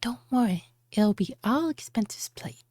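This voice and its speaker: A woman's voice: a little high, expressive, warm tone, no room sound, clean studio sound. A woman reading as a sly male doctor. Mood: probing. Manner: measured, questioning delivery. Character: smooth-talking male doctor questioning a cop. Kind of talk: reading game dialogue aloud.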